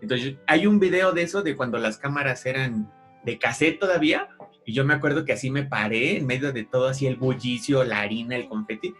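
Young Mexican man, lively storyteller, faint music under the voice. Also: brisk. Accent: Mexican Spanish. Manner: animated, jumps high when quoting relatives. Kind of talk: casual storytelling chat.

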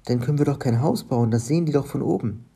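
A man's voice: quick pace, creaky, warm tone, husky. A man doing a fretful robber's wife. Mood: alarmed. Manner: raised, higher-pitched and urgent.

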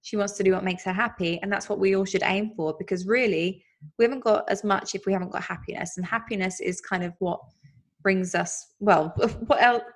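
A woman's voice: mid-range voice, a little fast. Chatty woman in her thirties. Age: 30s. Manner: chatty, earnest, laughs often. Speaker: podcast host. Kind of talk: casual chat.

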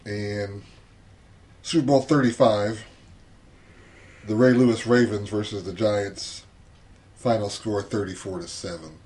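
A man's voice: on the low side, unhurried, long pauses. Easygoing man talking football. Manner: relaxed, hesitant with many fillers. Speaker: podcast co-host. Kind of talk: casual sports chat.

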